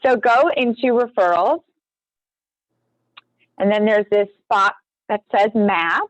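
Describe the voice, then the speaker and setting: A woman's voice: mid-range voice, slow pace, dry recording. Woman, real estate co-host, screen-share tutorial, chatty, apologetic asides, video call, lo-fi. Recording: dull, dry lo-fi video call.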